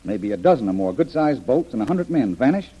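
A man's voice: medium pitch, sing-song, a little fast, mellow, a little hiss or hum, natural voice. Man playing a hearty old-radio jungle adventurer. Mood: intrigued. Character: hearty, fearless male jungle adventurer and hunter. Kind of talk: old-time radio adventure serial acting. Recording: muffled vintage radio broadcast.

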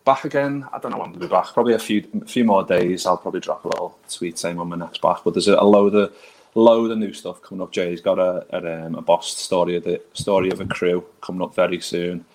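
A man's voice: deep voice, fairly even intonation, fast, darkish tone. A man with a Liverpool accent hosting a casual football chat in a matey, slangy, sweary way. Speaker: podcast host.

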